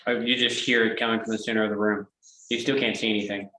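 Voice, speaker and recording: A man's voice: fairly low pitch, flat delivery, fast, sharp tone, echoey room, low-quality recording. A man running a tabletop game as game master, describing scenes in a hesitant way with many fillers.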